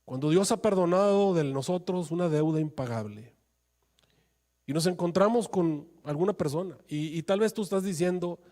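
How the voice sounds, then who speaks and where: A man's voice: high voice, normal speed, dark tone. A male pastor preaching a sermon with passion, his voice rising into emphatic pleas.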